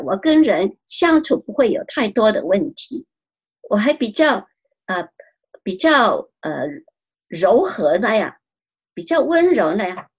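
Husky woman giving earnest testimony. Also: on the high side. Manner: earnest, repeats phrases. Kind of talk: spoken personal testimony.

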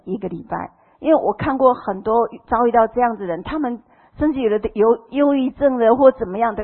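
Husky middle-aged woman with a Taiwanese accent. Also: on the high side. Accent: Taiwanese Mandarin. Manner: emotional storytelling, acting out quoted dialogue. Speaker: church member giving testimony. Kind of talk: personal testimony to a congregation. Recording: tinny phone-like sound.

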